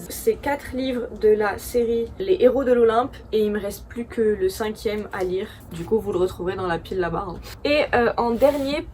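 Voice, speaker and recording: A woman's voice: fairly high pitch, dark tone, a little hiss or hum. A young woman from France casually chatting as a book vlogger, chatty and self-mocking, often laughing at herself. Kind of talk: casual chat.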